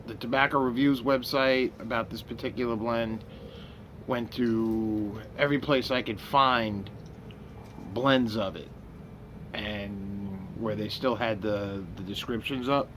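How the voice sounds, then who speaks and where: A man in his fifties chatting casually and unhurriedly, with pauses, as he smokes a pipe that is often in his mouth. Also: mid-range voice, a bit bright. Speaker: pipe tobacco reviewer. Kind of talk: casual vlog chat. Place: outdoors by a house with trees. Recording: clear outdoor ambient noise.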